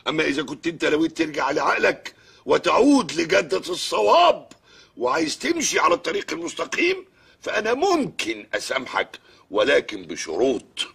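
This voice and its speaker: An actor with an Egyptian accent playing a stern, pompous uncle who lectures in formal phrases and blusters. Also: male voice, a little high, sing-song, brisk, vocal fry, a bit bright, slightly rough, full character voice. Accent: Egyptian Arabic. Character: stern, pompous uncle guarding his nephew. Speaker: uncle and guardian.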